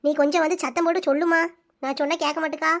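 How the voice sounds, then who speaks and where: A woman's voice: sits high, fairly even intonation, very fast, fairly bright tone. A woman voicing a worried, scolding middle-aged village mother in a cartoon, grumbling to herself. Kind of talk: cartoon voice-over.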